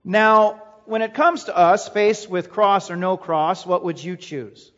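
A man preaches a sermon in an emphatic way, asking rhetorical questions and returning to a refrain. His voice is high for a man. The sound echoes with a long reverb through a dull, lo-fi recording. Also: a little slow. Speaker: pastor.

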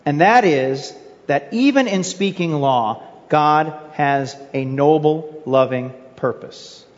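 A man's voice: fairly high pitch, takes it slowly, long reverb tail, dull audio. A male pastor preaching a sermon in an earnest way, asking his listeners rhetorical questions. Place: church sanctuary.

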